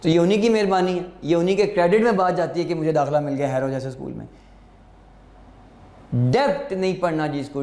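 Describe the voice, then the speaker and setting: A man teaching English vocabulary, slowly dictating words and meanings and repeating them for students. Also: on the high side, mellow, reverberant. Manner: slow, deliberate, repeats words for students to note down.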